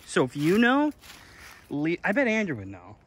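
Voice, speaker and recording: A young man casually narrating an outdoor exploring vlog in snowy woods, talking in a relaxed, unsure way with plenty of fillers. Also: high-pitched, moderate pace, slight background noise, rough recording. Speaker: vlogger.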